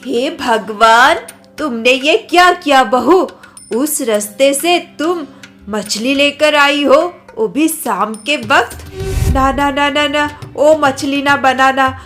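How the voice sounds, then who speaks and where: Woman doing a nagging cartoon mother-in-law, slow and high-ish, fretful. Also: faint music behind, natural voice. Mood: alarmed. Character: worried scolding older mother-in-law. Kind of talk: cartoon story voice acting.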